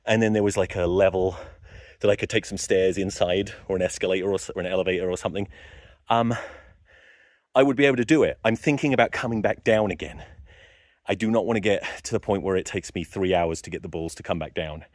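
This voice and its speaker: A man's voice: deep voice, steady tone, fast, darkish tone, no room sound, studio quality. A man vlogging outdoors on a cliffside staircase into his phone, rambling and swearing in nervous self-talk, growling and worked up. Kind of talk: casual self-filmed vlog. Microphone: phone camera, sometimes in his pocket.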